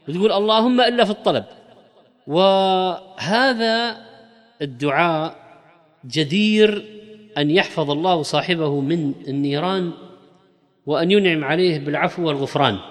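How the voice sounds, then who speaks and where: A man giving a religious lesson, explaining slowly and stretching key words for emphasis. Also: high voice, fairly bright tone, long reverb tail. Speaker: religious teacher.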